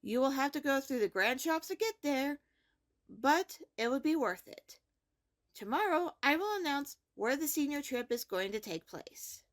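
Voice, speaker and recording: A woman with a very high voice and lively pitch swings plays a caring, orderly high school principal. Giving measured morning announcements for a fantasy web series, she addresses her students directly in a matter-of-fact, caring mood.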